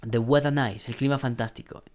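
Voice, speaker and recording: A man teaching an online English lesson, slowly modeling sentences and translating them, often clearing his throat. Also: medium pitch, fairly even intonation, a little mellow. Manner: slow, patient explaining, modeling English sentences then translating.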